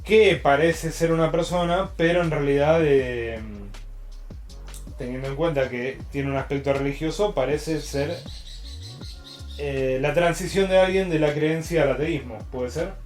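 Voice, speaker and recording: Guy on a podcast, kinda high voice, careful and unsure, faint music. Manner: tentative, measured. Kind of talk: casual conversation.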